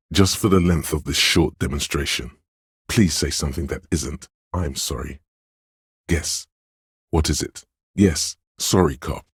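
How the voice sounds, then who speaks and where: In scripted voice-over for a detective game, a male inner voice speaks extremely deep and husky, sly and coaxing, placing each phrase with theatrical deliberation in an exaggerated style. The mood is mocking and sardonic. The sound is gravelly and very dry, recorded close with no room sound at all.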